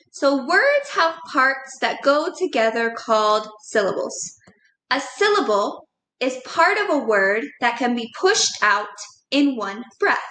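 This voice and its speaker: Woman primary teacher, slow patient delivery, spells words aloud; roomy sound. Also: sits high, sharp tone, slight background noise. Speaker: second grade teacher. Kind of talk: recorded classroom lesson.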